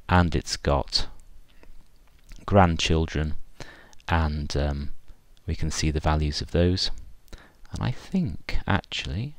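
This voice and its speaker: A software developer with a very deep, creaky voice gives an unscripted screencast demo, thinking aloud with fillers and restarts. The recording is dry.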